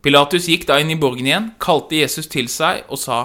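A man narrating a dramatic scripture reading in a measured, expressive way. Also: a little high. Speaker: scripture reader.

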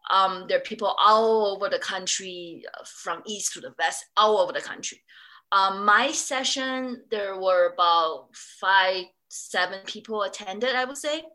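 Bright-voiced woman chatting freely. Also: medium pitch, unhurried. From Singapore. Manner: chatty, lots of fillers and restarts. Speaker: interviewee, former student. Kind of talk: casual interview chat.

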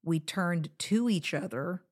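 Woman, middle-aged, very low pitch, co-host, casual reflective talk, chatty asides. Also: takes it slowly. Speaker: co-host of a marriage show.

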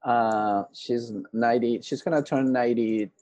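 A man's voice: medium pitch, fairly even intonation, normal speed, darkish tone, no echo. Man, hesitant. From Honduras. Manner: hesitant, many fillers and throat clearing. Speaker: panel guest. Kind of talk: casual interview storytelling.

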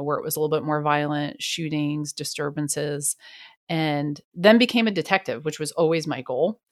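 A middle-aged woman, a retired police detective, talks through her career in a chatty, candid interview style. Her voice sits low for a woman. The recording is dry and close, with no room around it. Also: no room sound. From New York. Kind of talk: casual interview conversation.

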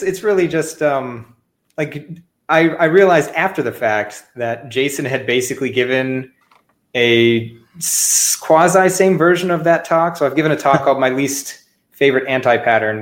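A man with a mid-pitched voice hosts a podcast in a conversational way. His audio is strongly echoey, like a big hall, from a bare apartment room. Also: moderate pace. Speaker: podcast host. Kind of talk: podcast introduction and casual interview.

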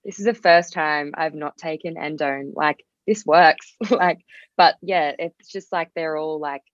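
Speaking at a measured pace in a low voice, this Australian woman chats loosely as a guest on a podcast, leaning hard on the word "like." The audio has a roomy, slightly dull quality.

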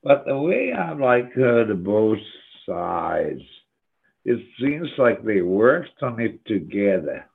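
An older man chatting casually and reminiscing about old friends, slow and profane, heard over a phone or video call. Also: lowish voice, big pitch swings, creaky, slightly rough. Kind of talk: casual chat. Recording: tinny phone-like line.

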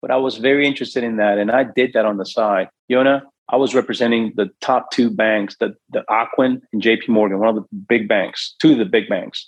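A man's voice: on the low side, steady tone, fairly quick, hardly any pauses, slightly rough, dry recording, dull audio. A middle-aged man from New York, a real estate investor and guest, telling his life story earnestly and acting out the voices in his head. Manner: earnest, acts out his own inner voice. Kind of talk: emotional storytelling.

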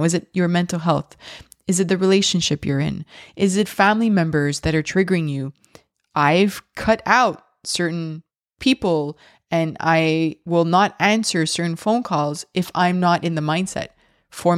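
A woman's voice: on the low side, no room sound, studio quality. A woman in her thirties hosting a solo parenting podcast, talking candidly and reflectively with some restarts. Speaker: podcast host.

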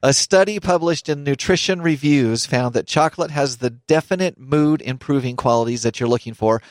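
A man's voice: mid-range voice, normal speed, no echo. A man hosting a studio talk show, cheerfully reading out tips and bantering with his co-host. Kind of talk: upbeat scripted talk show. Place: radio studio. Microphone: studio microphone.

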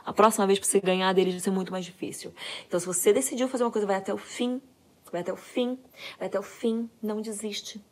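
A young woman, a mother, chatting fast and animatedly to viewers about raising her children. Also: mid-range voice. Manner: fast, animated, self-described fast talker. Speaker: mother giving parenting advice. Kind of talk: casual chat to viewers.

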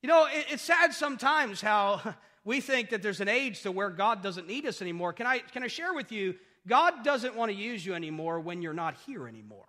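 Male pastor, emphatic sermon delivery with rhetorical questions, pitch rising and falling a lot, recorded in a reverberant sanctuary. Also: big pitch swings, normal speed, hardly any pauses, pushed and bright.

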